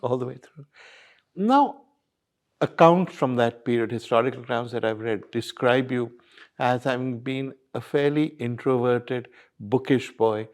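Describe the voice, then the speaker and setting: A man's voice: mid-range voice, a little slow. A man, asking questions conversationally as an interviewer.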